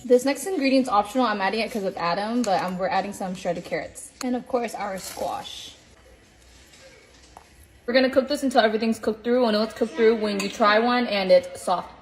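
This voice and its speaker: A young woman chatting through a casual food vlog, quick and joking as she cooks in her home kitchen on a phone. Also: medium pitch. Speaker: food vlogger.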